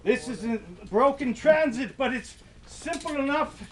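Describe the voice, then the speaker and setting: A man's voice: very high voice, unhurried. A man playing a macabre ghost tour storyteller, narrating comic horror in a theatrical, wordy, mock-grandiose way. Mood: loud, gleeful. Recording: distant mic, light background noise.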